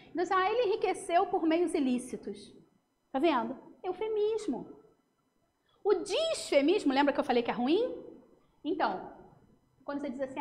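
A Brazilian woman teacher giving a recorded lesson, lively and chatty, checking in with her students often. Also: very high-pitched, big-room sound. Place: home.

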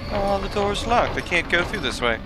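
A man's voice: sits high, animated, moderate pace, very noisy. A man giving casual gameplay commentary in a musing, wryly jokey way. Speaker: gaming video commentator.

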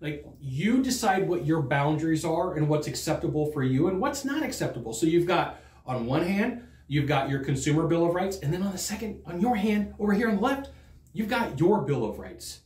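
A middle-aged man teaching sales to camera in a studio, talking in a lively, conversational way and acting out what customers say. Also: on the high side, fairly quick, reverberant. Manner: animated, conversational, acts out customer quotes. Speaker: sales trainer. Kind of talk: direct-to-camera training talk. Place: studio in front of a green screen. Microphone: fixed camera, standing at a desk.

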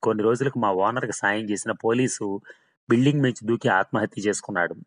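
In a storybook reading, a man voices the ghost of a hard-drinking male laborer who insists again and again that his tale is true. His fairly low voice sounds close to everyday speech and moves fast, with an insistent mood.

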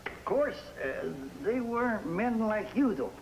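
An actor playing a shrewd, probing elderly lighthouse keeper in an old television drama, talking in a folksy, hesitant way. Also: male voice, high voice, big pitch swings, measured pace, full character voice, poor audio. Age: older. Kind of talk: 1950s television drama acting. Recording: old television recording with faint hiss.

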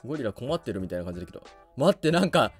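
A man giving let's play commentary on a video game, reacting loudly and laughing often. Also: mid-range voice, big pitch swings, rapid-fire, breathy edge, soft background music. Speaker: gaming YouTuber.

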